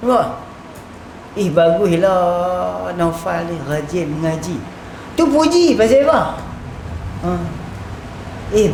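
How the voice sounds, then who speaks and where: Man, Kedah Malay accent, religious lesson, animated, acts out dialogues, high voice. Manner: animated, acts out little dialogues, lively pitch swings. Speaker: religious teacher. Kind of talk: kitab lesson sermon. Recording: echoey room with faint ambient noise.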